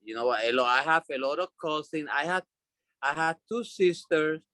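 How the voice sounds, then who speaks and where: A Puerto Rican man with a Puerto Rican Spanish accent, a doll designer, chats casually as an interview guest. His voice is fairly high and sharp at a moderate pace, recorded with no room sound, and he repeats and restarts words while telling his story.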